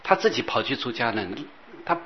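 A man teaching as a Buddhist master, rambling and repeating himself, sometimes chanting softly. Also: medium pitch, animated, a little fast. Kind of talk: dharma talk. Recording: dull lo-fi recording with faint hiss.

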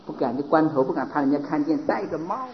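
A man, a Buddhist monk, giving a sermon with rhetorical questions and lively mimicry of people he describes. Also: fairly high pitch, fast, slight background noise. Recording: dull lo-fi recording.

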